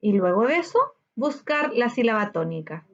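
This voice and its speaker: Chilean woman teacher, high lively voice, unhurried, dull lo-fi audio. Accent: Chilean Spanish. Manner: slow, sounds out syllables in a drawn-out voice. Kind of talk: recorded classroom lesson.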